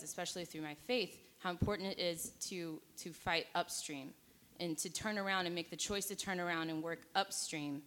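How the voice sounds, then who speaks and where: A woman in her twenties speaks as a panelist, her voice sitting a little low. She talks haltingly, with frequent fillers and restarts, as she works through her thoughts in a panel discussion. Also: a bit bright. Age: 20s. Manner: hesitant, many fillers and restarts. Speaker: panelist and student organizer. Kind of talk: panel talk.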